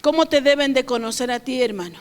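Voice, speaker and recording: Woman, pastor, sermon, fairly high voice, questions to the congregation. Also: fast. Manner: preaching with questions to the congregation, dynamic.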